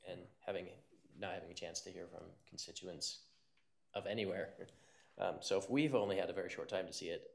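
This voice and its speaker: Male committee member, low creaky voice, informal and halting as he comments at a meeting.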